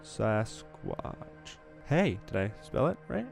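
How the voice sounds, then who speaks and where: A man's voice: on the low side, sing-song, takes it slowly, vocal fry, darkish tone, faint music behind. A young man hosting a gaming channel, chatting casually over gameplay with a groggy morning voice that sounds a little congested. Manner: chatty, rambling, upbeat.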